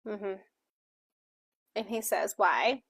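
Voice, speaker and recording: A woman co-hosting a casual book club discussion, talking in an expressive, chatty way while also voicing interpreted signing. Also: mid-range voice, very slow, husky, no room sound. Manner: expressive, chatty, with frequent fillers.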